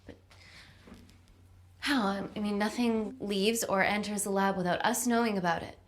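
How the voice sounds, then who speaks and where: An actress playing a sharp, guarded woman field scientist with a terse, sarcastic manner in naturalistic drama. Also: medium pitch, steady tone, normal speed, slight background noise, lightly acted. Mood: incredulous. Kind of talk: naturalistic dramatic film-style acting.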